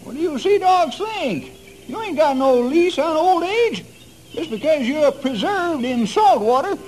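An actor playing a cranky, folksy old-timer sidekick who wisecracks in an old-time radio adventure. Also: male voice, extremely high pitch, lively intonation, a little slow. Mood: indignant. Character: cranky, comical old-timer, a hungry male ranger sidekick. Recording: noisy old radio drama recording.

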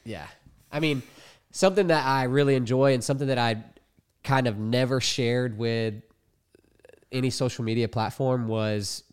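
A young man hosting a casual podcast, congested and hesitant, rambling with many fillers. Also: medium pitch. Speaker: podcast host and YouTuber.

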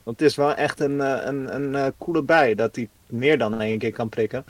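A man's voice: mid-range voice, steady tone, fairly quick, no echo. A man, podcast co-host, chatting casually about a fairy tale, hesitant with many fillers. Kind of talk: casual chat.

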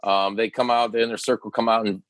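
A man's voice: lowish voice, flat delivery, quick pace, a bit bright, no echo. A man chatting casually about wrestling like a frat bro, with plenty of slang and swearing. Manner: frat-bro talk full of dude, like and swearing. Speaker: wrestling podcast co-host. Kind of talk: casual, profane wrestling chat.

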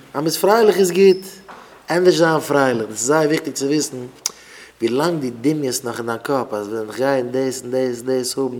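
A man giving an earnest, informal spiritual talk on a podcast, often repeating phrases and restarting his sentences. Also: mid-range voice. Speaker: speaker on a Breslov podcast.

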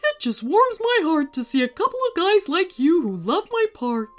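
A very high-pitched, cheerful cartoon mouse mascot, put on by a woman storyteller. He is kindly, wholesome and folksy, gushing in big swoops of pitch. Soft music plays behind the storybook performance. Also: very animated, moderate pace. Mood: delighted, warm. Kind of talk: children's storybook character voice.

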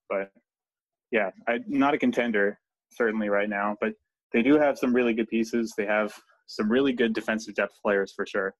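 A man's voice: lowish voice, no room sound, low-quality recording. A man talking hockey as a podcast guest, loose and chatty, full of fillers and restarts. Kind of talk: casual podcast chat.

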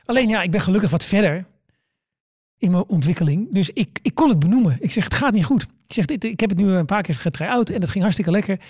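Speaking fast with lively intonation, a middle-aged comedian tells stories in casual chat, his high voice a little mellow and slightly rough. He stammers, restarts, repeats himself, and acts out his own quoted words. The sound is clean studio audio with no room sound.

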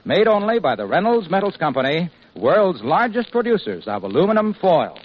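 A man's voice: high-pitched, sing-song, normal speed. A man announcing in a chipper, polished 1950s radio advertising style, with upbeat salesmanship. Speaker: radio show announcer and sponsor pitchman. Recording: dull, lo-fi vintage radio recording.

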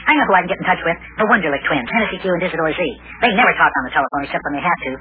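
An actor playing an eager, excitable little boy with a small childlike voice in an old-time radio serial. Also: mid-range voice, very fast, slightly rough. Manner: eager, chattering, repeats words. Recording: noisy, tinny old radio recording.

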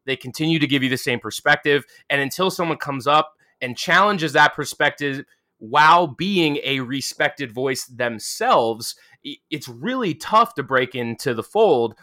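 A man's voice: medium pitch, lively intonation, unhurried, pushed and bright. A man hosting a casual podcast interview, chatty and joking, with many fillers and restarts. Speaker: podcast host.

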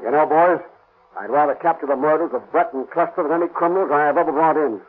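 A determined, dogged police investigator who talks in brisk, earnest slang. His voice is husky and somewhat high. It plays back through a tinny 1930s radio broadcast. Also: soft background music.

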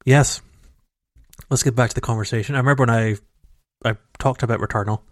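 He talks fast in a mid-range voice with fairly even intonation, co-hosting a casual gaming podcast through long rambling runs full of fillers and restarts. A home computer mic on a call picks him up raw and dry, with no room sound.

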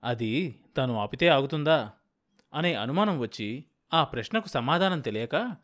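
A man narrating a written story in a steady, measured reading voice. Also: medium pitch.

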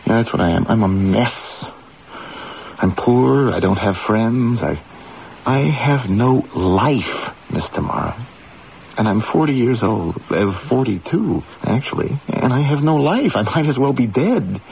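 A man's voice: mid-range voice, lively intonation, unhurried, creaky. An actor playing a timid, self-pitying man in his forties in a radio drama, hesitant, stammering and deferential. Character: meek, lonely forty-two-year-old office underling, self-pitying, timid. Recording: dull, hissy radio recording.

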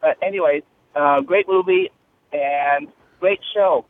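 A man with a slow, higher-pitched voice calls in from his car while driving, leaving a listener voicemail. His chatty fan message gushes with enthusiasm, carried over a narrow phone line with faint noise.

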